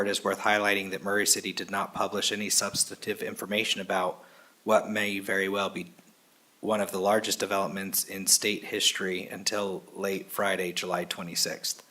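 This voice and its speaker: Male city staffer, bright but husky low voice, flat formal reading of a public comment letter. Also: poor audio. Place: city council chamber.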